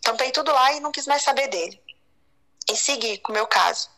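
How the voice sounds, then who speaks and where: As an interview guest, a woman tells an emotional personal confession in a high, animated, fairly quick voice with a sharp tone, on a rough recording. She repeats phrases and acts out what other people said.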